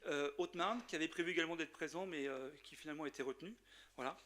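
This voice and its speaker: A man's voice: on the high side, pushed and bright. A man with a Lorraine French accent, president of a chamber of commerce, giving an informal welcome speech at a general assembly with many hesitations.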